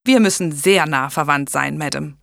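A woman reading an audiobook, voicing a calm, polite young medieval nobleman with a steady, firm manner. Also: deep voice, normal speed, gravelly, dry recording, clean studio sound.

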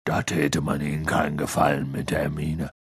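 A man voicing a huge, good-natured male half-giant gamekeeper in an audiobook, with a deep gruff voice and a slow, blunt, folksy drawl. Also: completely flat delivery, no room sound, clean studio sound, full character voice. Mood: stubborn. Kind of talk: audiobook character voice.

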